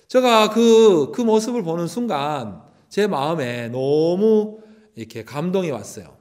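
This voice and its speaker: A man's voice: a little high, a little mellow. A man, a missionary, preaching a sermon to teenagers and telling a story from his childhood, acting out the people in it.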